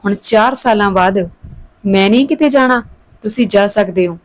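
A woman's voice: medium pitch, normal speed, close to an everyday voice, rough recording. Woman reading as a stern angry old father. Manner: stern, scolding. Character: old father, proud, angry, protective of daughter-in-law.

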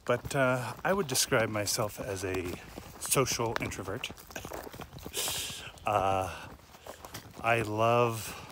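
A man's voice: on the low side, noisy background. A man in his thirties talking casually to a phone held at arm's length while hiking on a wooded trail, reflective and full of fillers. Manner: chatty, reflective, with many "uh" fillers. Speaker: vlogger. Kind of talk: casual selfie vlog. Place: outdoors on a wooded mountain trail.

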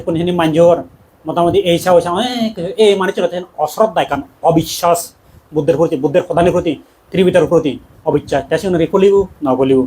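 A man, a Buddhist monk, giving a dhamma talk in a quick, conversational preaching manner with laughs. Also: a little high, warm tone.

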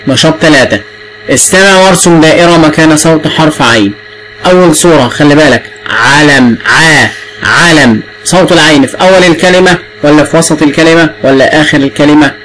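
A man's voice: a little high, a bit bright, slight background noise, rough recording. A man with an Egyptian accent teaching the alphabet to young children, drawing out sounds and prompting patiently. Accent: Egyptian Arabic. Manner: patient, drawn-out and repetitive prompting.

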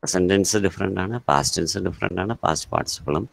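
Low gravelly Malayali man teaching grammar. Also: fast, no room sound. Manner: explains grammar mixing Malayalam and English, calls on students by name. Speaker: English teacher. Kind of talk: online class lecture.

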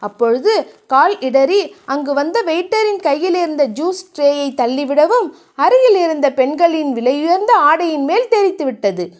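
Woman reading a novel aloud, high voice, steady storyteller pace. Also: normal speed. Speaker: audiobook narrator. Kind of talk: novel narration.

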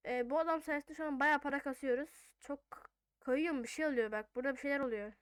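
A woman's voice: high-pitched, fast talker. A woman giving casual gameplay commentary, thinking aloud in an informal way as she plays. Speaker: gaming video host.

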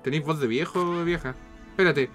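A man with a Chilean accent giving casual, slangy, foul-mouthed and excitable commentary as he streams a video game. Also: a little high, a little fast. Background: game music.

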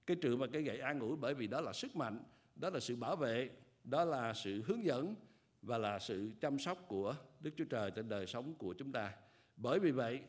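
An older man preaching a sermon at a church pulpit, speaking in a measured, earnest way with frequent hesitation fillers. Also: mid-range voice. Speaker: pastor. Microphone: pulpit microphone.

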